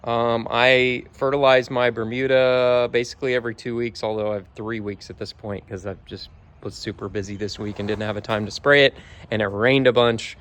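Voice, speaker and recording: A man's voice: medium pitch, moderate pace. A middle-aged man from Georgia in the US, casually walking through his homemade yard sprayer outdoors, rambling with lots of ums. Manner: relaxed, rambling with many ums. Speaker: home DIY vlogger. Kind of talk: casual how-to walkthrough.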